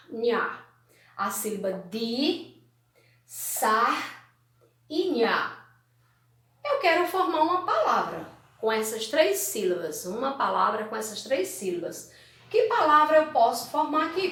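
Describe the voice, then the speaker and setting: A woman's voice: fairly high pitch, fairly bright tone. A Brazilian woman teacher giving an online class, sounding out words syllable by syllable and checking in with "né?" and "tá certo?". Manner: slow, drawn-out syllable-by-syllable teaching with frequent "né?" and "tá certo?". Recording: very echoey room.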